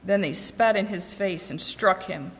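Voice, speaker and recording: A woman reading scripture aloud in a steady, clear voice. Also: medium pitch, a little slow, a little hiss or hum. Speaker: scripture reader. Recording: long echoing reverb.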